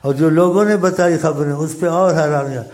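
A man's voice: a little high, a little mellow. A man giving an informal religious talk, telling stories in a chiding, conversational way. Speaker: preacher.

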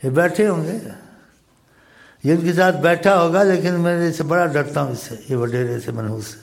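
Gravelly man preaching informally. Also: a little high. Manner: chiding, conversational storytelling. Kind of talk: informal religious talk.

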